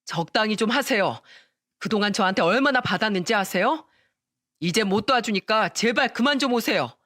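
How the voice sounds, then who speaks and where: Woman voicing a young husband, fed-up, firm, caring, slightly lower voice, radio story, dry. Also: lively intonation, moderate pace, no echo, close to an everyday voice. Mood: angry. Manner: firm with mother, gentle with wife.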